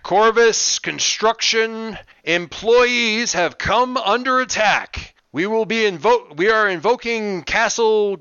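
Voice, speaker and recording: A man voicing a stern male security announcer over a bullhorn, loud, barking and clipping into distortion. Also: sits high, takes it slowly, smooth, no room sound, muffled recording, pitched above the performer's own voice, exaggerated voice. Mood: commanding.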